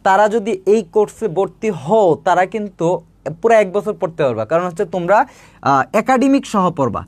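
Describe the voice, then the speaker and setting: A young male tutor from Bangladesh runs an online exam-prep lesson. His voice sits high and his delivery races along. He repeats key points and gives his students a pep talk. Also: expressive, darkish tone. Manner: fast, repetitive, pep-talk teaching. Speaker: admission test tutor.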